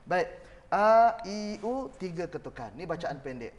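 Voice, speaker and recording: A man's voice: sits high, sing-song, unhurried, long reverb tail. A man with a Malaysian Malay accent teaching a Quran reading class, counting beats aloud and drilling his students in call and response. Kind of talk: demonstrating a lesson on camera.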